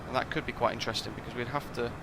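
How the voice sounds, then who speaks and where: A man's voice: mid-range voice, fairly even intonation, very fast, vocal fry, background noise. A man casually talking through a flight sim live stream, thinking aloud and chatting with his viewers.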